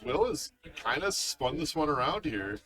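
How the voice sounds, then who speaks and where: A man's voice: mid-range voice, big pitch swings, measured pace, bright, forceful tone. A man giving live card game commentary in a casual, chatty way, reacting to the plays. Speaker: tournament commentator.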